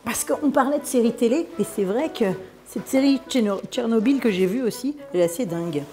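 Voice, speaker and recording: A woman's voice: fairly high pitch, brisk, warm tone, faint music behind. A woman hosting a show, chatty and playful as she questions a guest. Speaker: host. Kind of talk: casual interview.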